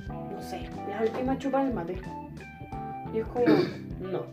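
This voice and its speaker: A young Chilean woman with a high voice, giving her strong opinions in a casual chat. She rants with laughter in her talk. The room is echoey, with faint guitar music behind. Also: unhurried. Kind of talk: casual chat among friends.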